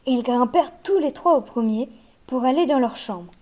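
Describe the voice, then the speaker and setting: A woman reading a children's fairy tale aloud in a gentle, measured way. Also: sits high, lively intonation, noisy background. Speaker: narrator.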